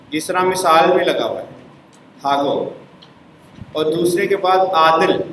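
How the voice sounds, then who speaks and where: A man's voice: fairly high pitch, fairly bright tone, echoey room, slight background noise, poor audio. A man teaching a language lesson step by step, asking his class to repeat words back.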